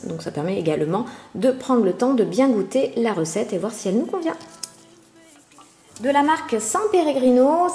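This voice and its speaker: A woman's voice: fairly high pitch, mellow. A woman casually reviewing products from a subscription box, chatting with many hesitant fillers. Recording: roomy echo.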